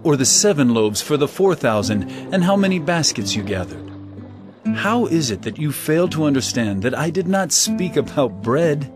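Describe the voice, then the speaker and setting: An actor playing Jesus as a grave, commanding teacher, speaking with solemn, earnest emphasis. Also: male voice, fairly high pitch, sing-song, moderate pace. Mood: probing. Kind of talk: audio drama acting. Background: guitar music.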